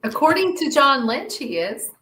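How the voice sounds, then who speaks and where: A woman's voice: sits high, big pitch swings, normal speed, sharp tone. A woman co-hosting a podcast in casual sports chat, emphatic and playful with words. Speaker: podcast co-host. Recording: roomy echo.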